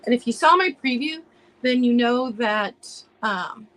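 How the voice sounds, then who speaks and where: In a roughly recorded livestream, an American woman casually sells vintage goods, describing items and greeting viewers by name. She keeps a measured pace in a fairly high, slightly bright voice that's a touch hoarse from allergies, and she clears her throat occasionally.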